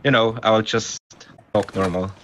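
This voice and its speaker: A somewhat low-voiced man talks over game voice chat in a playful mock Italian accent, calling his teammate brother again and again. Loud gunfire and explosions from the match sit behind his voice in the noisy game audio. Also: steady tone, unhurried. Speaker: random teammate in a mobile shooter. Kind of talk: casual voice chat while gaming.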